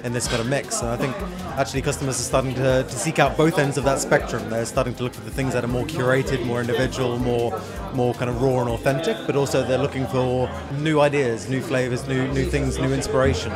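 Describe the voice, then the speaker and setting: A man's voice: mid-range voice, flat delivery, quick pace. A man in his thirties giving an enthusiastic, fluent interview at a busy restaurant table about the food. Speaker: diner reviewer. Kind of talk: on-camera interview. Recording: loud background music.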